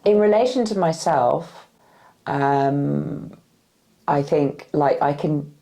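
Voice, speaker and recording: Low-pitched and dark in tone, this woman speaks at a slow pace. She's a weary West Londoner in her forties, a movement practitioner being interviewed, with a local accent marked by a slight Irish-tinged R. Her thoughtful answers come with plenty of fillers and restarts, and her voice has a slight crack to it.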